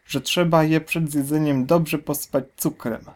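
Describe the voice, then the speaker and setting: A man voicing a smaller, scornful male crocodile in a storybook reading, with a high, mocking tone. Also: steady tone, unhurried, a little mellow, close to an everyday voice. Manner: squeaky, mocking.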